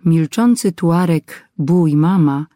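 Mellow, steady adventure audiobook narrator. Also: medium pitch, slow pace, dry recording, studio quality.

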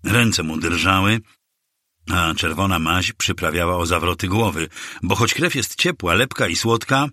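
A man narrating a crime novel aloud with measured, steady reading. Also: deep voice, dry recording, studio quality. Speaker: audiobook narrator.

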